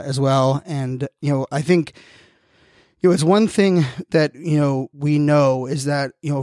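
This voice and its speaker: A man's voice: mid-range voice, a little mellow, no echo. A man hosting a casual solo podcast, rambling and often leaning on "you know", recorded on a close studio microphone. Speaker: podcast host.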